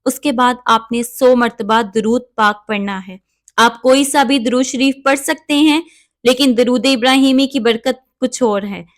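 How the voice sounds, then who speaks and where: A woman giving calm, measured step-by-step prayer instruction and reciting Arabic prayers along the way. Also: a little high. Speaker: religious instructor.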